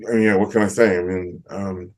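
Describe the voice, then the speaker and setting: A middle-aged man, an economist guest on a video call, explaining in a measured way with frequent ums. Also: deep voice, steady tone, poor audio. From United States. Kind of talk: interview answers.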